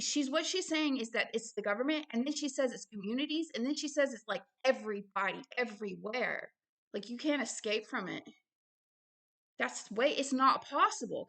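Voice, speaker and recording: A woman with a high, slightly bright voice hosts an online ministry, reading aloud from a book and adding informal religious commentary. She repeats points emphatically and drops in colloquial asides.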